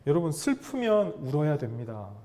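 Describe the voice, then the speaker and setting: A middle-aged man lectures a room of fathers in an animated way, putting questions to them and acting out bits of dialogue. His voice is mellow and dark, with a pitch that rises and falls widely and sits a little high. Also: normal speed, a little hiss or hum. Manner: animated, acts out dialogue, asks audience questions. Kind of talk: lively lecture to an audience of fathers.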